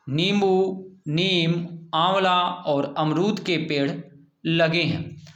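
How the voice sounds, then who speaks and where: A man's voice: sits high, a bit bright. A male school teacher gives a patient, explanatory grammar lesson to students and repeats the key points. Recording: echoey room.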